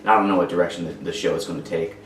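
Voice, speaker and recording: A man in his twenties telling his personal story as a podcast guest, halting and searching for words, recorded far from the mic in an echoey room. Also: low voice, fairly even intonation, faint music behind. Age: 20s.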